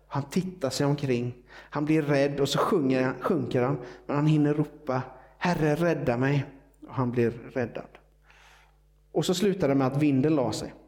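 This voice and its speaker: A man's voice: mid-range voice, a little mellow. A man preaching a sermon in a conversational, explanatory way, with fillers and small asides.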